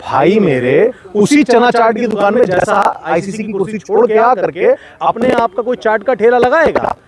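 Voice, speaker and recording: A man's voice: high-pitched, expressive, moderate pace, a crowd in the background. A man speaking as an activist in a street interview, lecturing with passion and repeating phrases for emphasis. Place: outdoors in a crowded public place.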